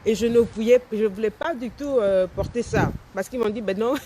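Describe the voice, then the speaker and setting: A woman in her forties with a noticeably high voice chats casually with her live-stream viewers as their coach. Her speech carries a slight lisp from a dental aligner, and she talks in a loose, chatty way. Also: normal speed, dark tone, slight background noise. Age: 40s. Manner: chatty, answers viewers' comments, laughs often. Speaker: life coach.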